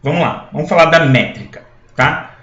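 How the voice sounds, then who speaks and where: A man's voice: on the high side, moderate pace, a bit bright. Man teaching a poetry lesson, echoey. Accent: Brazilian Portuguese. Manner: explanatory, with frequent checking tags and restarts. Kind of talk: recorded classroom lecture. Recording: echoey room, dull lo-fi sound.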